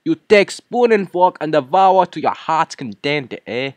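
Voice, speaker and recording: Man doing a loud pushy chef. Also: on the high side, animated, measured pace, no echo, pitched above the performer's own voice. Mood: insistent. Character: pushy male chef urging guests to eat.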